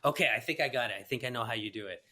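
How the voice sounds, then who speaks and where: Bright-voiced chatty podcast host man. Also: medium pitch, very fast. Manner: chatty, rambling, laughs often. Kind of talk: casual interview chat.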